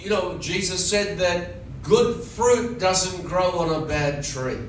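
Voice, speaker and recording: A man with an Australian accent preaching a sermon in short phrases, pausing between them for an interpreter. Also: high voice, animated. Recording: very echoey hall, distant, noisy.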